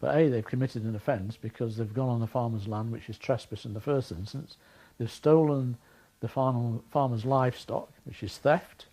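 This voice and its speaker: A man answering interview questions as an investigator of animal deaths, recounting events in a measured way with frequent restarts. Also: mid-range voice, dark tone, rough recording.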